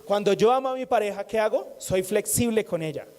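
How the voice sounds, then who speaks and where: A man preaching to a congregation, his voice pitched high yet mellow and soft-edged. He talks like a conversation, repeating key phrases and tossing in light jokes. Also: lively intonation, a little fast. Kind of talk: sermon.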